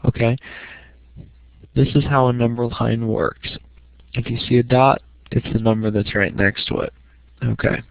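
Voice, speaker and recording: In a small home room, a middle-aged man teaches math informally, one step at a time, regularly pausing for an "okay" to check understanding. His mid-range voice is creaky and fairly even, a little slow, with long pauses. The lo-fi recording sounds dry and dull.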